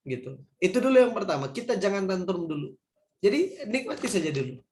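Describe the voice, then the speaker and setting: A man's voice: high voice, very animated, fairly quick, a little mellow, reverberant, slight background noise. A man answering parents' questions in an online talk, speaking casually and acting out little scenes. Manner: conversational, acts out scenes for parents. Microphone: video call.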